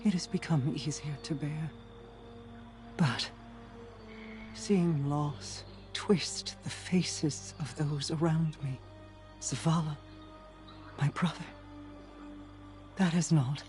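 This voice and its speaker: Regal ancient queen, unhurried, solemn, formal, sorrowful, video game drama, faint music underneath. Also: low voice, steady tone, darkish tone. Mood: solemn grief.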